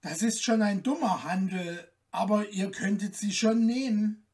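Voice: mid-range voice, unhurried, darkish tone, recorded from a distance, lightly acted. A reader voicing a caliph turned into a stork, earnest and thoughtful in a fairy tale.

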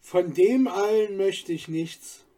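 A man reading a storybook aloud, voicing a kind-hearted poor boy in a soft, earnest, sighing manner. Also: high voice, takes it slowly.

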